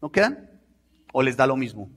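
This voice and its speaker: A middle-aged man, preaching a sermon in an animated way and acting out voices. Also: medium pitch, normal speed. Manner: animated, acts out voices with sudden loud outbursts.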